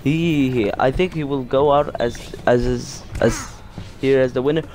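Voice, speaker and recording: A man commentating his own fighting-game playthrough in a casual let's-play style, getting excitable and yelling at the game during fights. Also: medium pitch, moderate pace, slight background noise. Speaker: gaming commentator.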